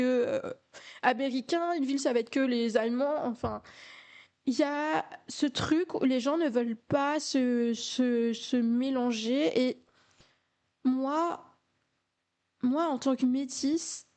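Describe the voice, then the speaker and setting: A woman's voice: fairly high pitch, dark tone. A young woman from France telling a casual storytime, chatty, with many fillers and repeated words.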